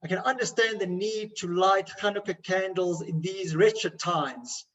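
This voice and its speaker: A man's voice: high-pitched, unhurried, a bit bright, far from the mic, poor audio. A man voicing an anguished adult male camp inmate who bitterly and pleadingly questions, his voice raised.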